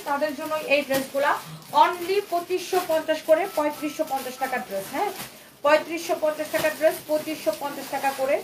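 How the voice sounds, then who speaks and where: High-voiced Bangladeshi woman selling dresses live. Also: a bit bright. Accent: Bangladeshi Bengali. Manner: repetitive, coaxing, mixes in English phrases. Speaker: online clothing seller. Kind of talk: live-stream sales pitch. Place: clothing shop. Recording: noisy live stream.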